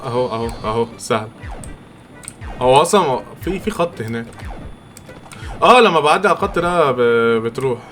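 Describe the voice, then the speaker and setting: A young man with an Egyptian accent commentating his own gameplay, excitable and quick to react loudly. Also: mid-range voice, soft background music. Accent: Egyptian Arabic. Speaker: gamer. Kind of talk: let's-play game commentary.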